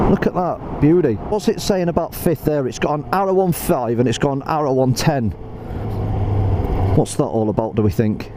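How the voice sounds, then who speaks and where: A man with a slightly high voice gives an off-the-cuff motorbike review while riding. He talks from inside his helmet in a chatty way, thinking aloud. Wind and engine noise are clearly heard around his voice. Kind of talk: spontaneous riding commentary. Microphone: microphone inside helmet.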